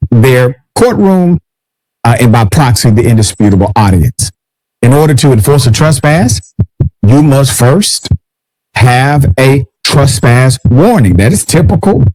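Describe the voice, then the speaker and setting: A man hosting a commentary show, reading out a news story and explaining it in a measured way. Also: mid-range voice, darkish tone, no echo, low-quality recording. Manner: measured, explanatory delivery with uh fillers.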